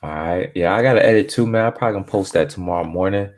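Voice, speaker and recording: A man with a very low, deep voice hosting a casual live stream from home. Born in Barbados, he talks in a laid-back, slangy way, leaning on filler phrases as he rambles. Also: very fast.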